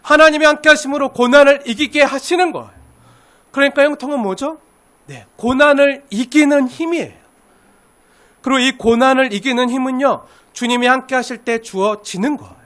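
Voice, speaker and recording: A pastor preaching a sermon, emphatic and asking the congregation many rhetorical questions. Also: male voice, very high voice, moderate pace, fairly bright tone.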